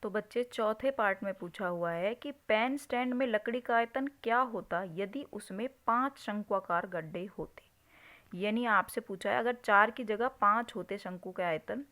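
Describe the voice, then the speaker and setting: A woman's voice: medium pitch, normal speed, few pauses, a bit bright. A woman teaching a maths lesson, patiently working through a problem step by step and answering her own questions. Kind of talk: explaining a solved exam problem.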